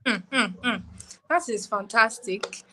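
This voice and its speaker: A woman hosting a live-stream interview, asking lively, encouraging questions. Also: on the high side, a little slow, slight background noise, low-quality recording. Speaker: host.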